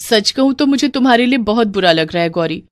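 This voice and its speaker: A woman's voice: on the high side, animated, a little fast, noisy background, natural voice. A woman voicing a sly, mocking elder sister-in-law.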